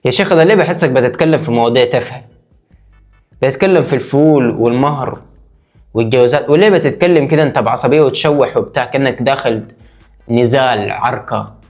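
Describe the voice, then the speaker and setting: A man with an Egyptian Arabic accent giving mock-indignant comedic commentary in a sarcastic tone. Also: mid-range voice.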